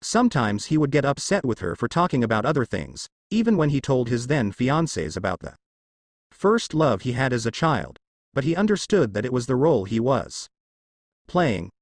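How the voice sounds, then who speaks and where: A man reading a fan fiction story aloud, voicing every character in the same steady narrating voice, tag lines included. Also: medium pitch, normal speed, no room sound, studio quality.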